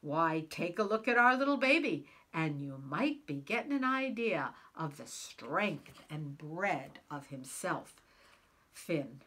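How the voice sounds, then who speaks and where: A woman's voice: sits low, sing-song, slow pace, pushed and bright, husky, full character voice. A woman voicing a clever, sweet-talking wife as she reads a storybook aloud, soothing and sly.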